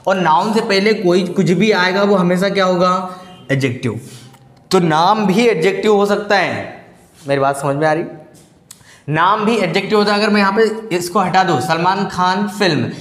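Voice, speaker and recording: A man's voice: sits high, moderate pace, fairly bright tone. A man teaching English grammar in a classroom lecture style, mixing English words into his Hindi and asking questions that he then answers himself. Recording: echoey room.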